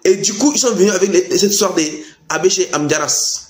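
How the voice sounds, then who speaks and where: A man speaks. His delivery is informal yet impassioned political commentary, leaning on repetition to hammer points home. The room around his voice rings with clear echo. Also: high-pitched, a little fast. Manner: emphatic, repeats phrases for stress. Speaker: political commentator addressing youth. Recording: echoey room.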